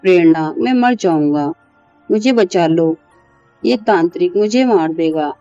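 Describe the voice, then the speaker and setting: A woman's voice: on the low side, animated, measured pace, mellow, no echo, lo-fi sound, faint music behind. A woman voicing a bitter young husband in a horror story. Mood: confused. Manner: harsh.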